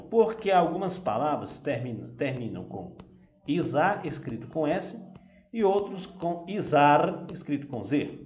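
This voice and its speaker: A man's voice: medium pitch, a little mellow, highs cut off. A man teacher, patiently walking pupils through a grammar exercise and often checking they follow. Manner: patient, repeats "vai dar o quê?" and "né?". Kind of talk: recorded classroom lesson walkthrough. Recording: echoey room with faint noise.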